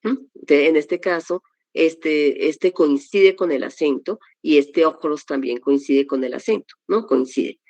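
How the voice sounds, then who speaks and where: A woman's voice: low voice, unhurried, darkish tone, dry recording. A woman teaching a Greek vocabulary class, explaining pronunciation step by step with patient examples. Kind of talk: classroom lesson.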